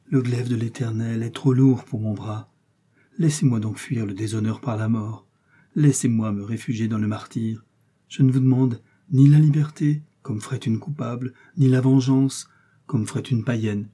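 A man's voice: medium pitch, steady tone, moderate pace, warm tone, breathy edge, natural voice. A man voicing Milady, a pleading scheming noblewoman. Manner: pleading, pathos-laden, theatrical. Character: scheming seductive noblewoman prisoner.

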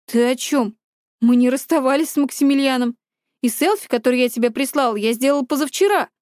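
A woman's voice: high voice, fairly quick, darkish tone, dry recording, studio quality, close to an everyday voice. A woman voicing a jealous teenage schoolgirl in an audiobook, who speaks in a cold, accusing way. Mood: tense.

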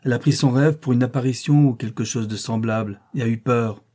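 A man's voice: medium pitch, fairly even intonation, brisk, mellow, close to an everyday voice. Man voicing a brusque commanding manor master. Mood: forceful. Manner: brusque, authoritative, raised.

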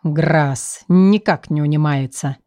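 A woman's voice: medium pitch, animated, unhurried, no room sound, clean studio sound, natural voice. A woman voicing an insolent, leering young male nobleman with a drawling, sneering way of talking. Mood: indignant.

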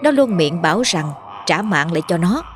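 A woman's voice: lowish voice, animated, normal speed. A woman storyteller giving a dramatic, scripted horror narration. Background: faint music.

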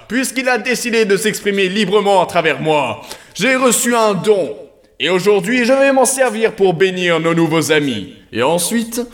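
Man playing a high-voiced, pompous cult leader. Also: a bit bright, full character voice. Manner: pompous, solemn, drawn-out delivery. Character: grandiose male cult leader preaching a soda faith. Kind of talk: theatrical sermon in an audio drama.

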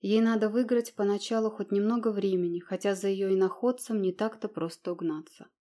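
A woman narrating a historical novel as an audiobook, in an expressive, measured way. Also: medium pitch.

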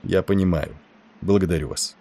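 Man reading calm ship's captain, measured, commanding, deep voice. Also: slight background noise.

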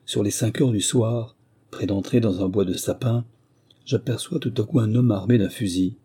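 A man reading a first-person memoir aloud as an audiobook narrator, in steady, measured storytelling. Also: fairly low pitch, breathy edge.

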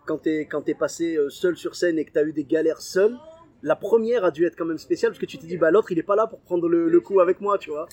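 A woman's voice: on the low side, quick pace, a little mellow. A woman hosting a casual interview, asking questions and teasing her guest playfully. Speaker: podcast host.

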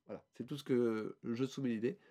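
A man's voice: medium pitch, steady tone, a little fast, dark tone. A man co-hosting a casual podcast, presenting a band in a rambling, hesitant way with many fillers and restarts.

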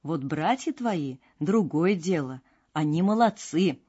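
A man's voice: a little high, animated, a little slow, mellow, dry recording. A woman playing a stern, scolding old father. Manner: gruff, scolding. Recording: dull lo-fi with faint music.

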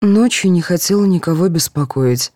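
Woman playing a whiny young girl patient, pleading, mellow tone, lively pitch, audiobook reading. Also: moderate pace, no room sound, studio quality. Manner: whining, pleading.

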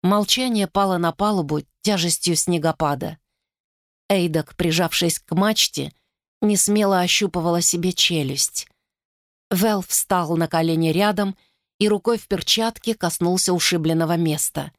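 A woman narrates an audiobook with a steady, dramatic delivery. Her voice is fairly low, and the recording is close and dry with no room sound. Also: normal speed, dry recording. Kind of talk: scripted narration.

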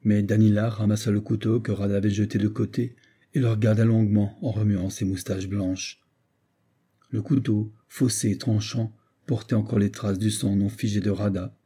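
A man reads a classic tale aloud in a measured, even way. His voice is low, dark and husky, with little brightness. It sounds like a spoken audiobook. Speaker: reader. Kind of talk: audiobook narration.

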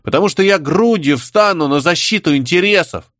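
A man voicing a sly, brash young savage girl stirring up a crowd, shrill and cocky. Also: animated, normal speed, fairly bright tone, no room sound, clean studio sound. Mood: rousing. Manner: shrill, cocky, rabble-rousing.

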